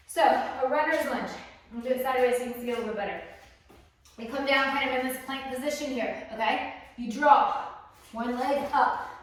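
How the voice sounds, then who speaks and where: A woman fitness instructor talking through a stretching class while she moves, encouraging and a little out of breath. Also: on the high side. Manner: encouraging, talks while exercising. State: slightly out of breath. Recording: very echoey room, distant mic.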